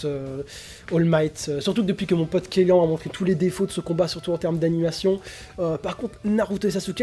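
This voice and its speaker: A man's voice: high voice, dark tone. A young man giving casual, opinionated commentary, enthusiastic and hesitant with many fillers. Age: young adult. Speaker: anime YouTuber.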